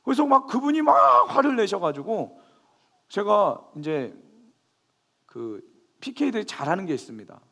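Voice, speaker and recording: A man pastor preaching a sermon, telling a story with lively bursts of raised emphasis. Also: high-pitched, moderate pace, long pauses.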